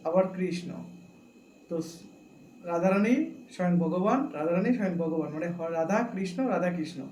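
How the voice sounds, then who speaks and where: A man explaining a devotional chant in a slow, deliberate talk, chanting the mantra aloud at times. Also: high-pitched, darkish tone, roomy sound, a little hiss or hum, poor audio. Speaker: devotional speaker.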